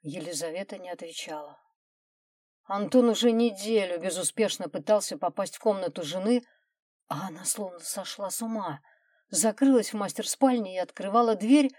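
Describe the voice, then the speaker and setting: A woman narrating an audiobook story in a soft, measured way. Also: medium pitch, dry recording, clean studio sound.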